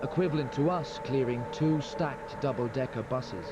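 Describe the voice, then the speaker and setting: A man reading scripted nature documentary narration in a measured, explanatory way, heard from a worn VHS tape copy. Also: mid-range voice. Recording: dull lo-fi tape with loud music behind. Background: loud music score.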